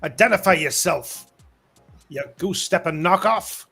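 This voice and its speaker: A man's voice: high-pitched, moderate pace, gravelly, pushed and bright, breathy edge, faint music behind, full character voice. A man voicing a brash, old-fashioned heroic archer in a tabletop game, blustering and confrontational with dated exclamations. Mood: suspicious challenge. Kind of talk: tabletop game role-play.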